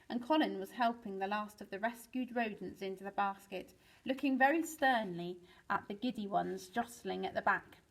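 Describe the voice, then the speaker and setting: A woman teacher reads a children's chapter book aloud at a middle pitch. Her storytelling is lively, and she swings her voice up for the exciting moments. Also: rough recording. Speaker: teacher reading to pupils.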